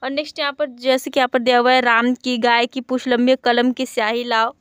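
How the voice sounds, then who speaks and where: A woman Hindi teacher gives an online exam-prep lesson in a high, resonant voice. She explains step by step, reading out lists of example words with many fillers. The sound is close and dry. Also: level tone, fairly quick, a bit bright, clean tone, no echo.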